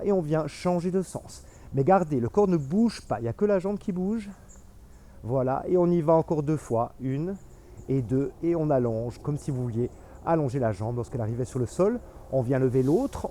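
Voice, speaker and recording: Man coaching Pilates, mellow voice. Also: fairly high pitch. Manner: cueing and counting reps while exercising. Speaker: Pilates instructor. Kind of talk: guided workout instruction.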